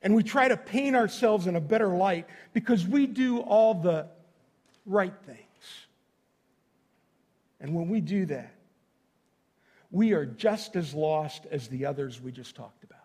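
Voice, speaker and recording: A male pastor delivers a sermon in a high-pitched voice. He addresses his listeners directly in a folksy, emphatic way, leaning on repeated phrases to drive his point home. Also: lively intonation, measured pace, long pauses, a little mellow, breathy edge. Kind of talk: sermon to a congregation.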